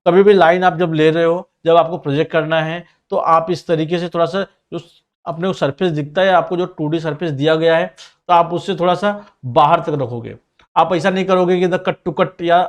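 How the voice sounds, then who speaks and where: A man with a slightly high voice walks students through a ring design in CAD software, narrating each click and command as he goes. He explains plainly and directly to his learners, with a Mumbai Hindi accent. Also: steady tone. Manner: says he sometimes talks fast. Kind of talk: screen-recorded software tutorial.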